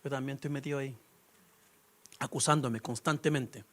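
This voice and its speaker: A man's voice: medium pitch, fairly even intonation, moderate pace, fairly bright tone. A young man preaching a sermon in a conversational way, with humor and rhetorical questions. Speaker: pastor.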